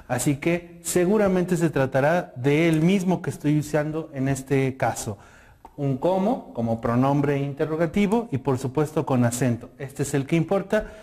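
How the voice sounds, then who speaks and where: A man teaching a grammar lesson in a methodical way, slowing down to read out example sentences. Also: a little high, warm tone.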